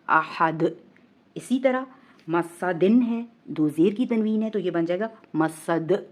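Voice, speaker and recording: A woman's voice: mid-range voice, warm tone. A woman with a Pakistani Urdu accent teaching Quran recitation rules step by step, patiently explaining each rule and drawing out the recited Arabic words.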